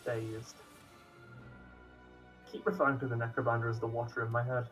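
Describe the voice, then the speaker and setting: A man's voice: mid-range voice, normal speed. Easygoing guy co-op gaming, chatty, laughs a lot, bit of music behind. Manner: relaxed, chatty, laughs easily. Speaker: co-op game partner. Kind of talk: casual gameplay chat.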